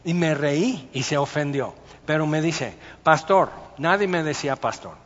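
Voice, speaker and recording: A man, a pastor preaching a sermon and telling stories with lively, acted-out voices. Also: on the high side, normal speed, slight background noise. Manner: animated storytelling, acting out voices. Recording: muffled sound with long hall reverb.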